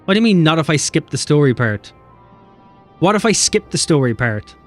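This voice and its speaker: Swearing and bantering quickly with his chat, a man streams a game in an animated, casual way. His voice sits fairly high, with soft music in the background.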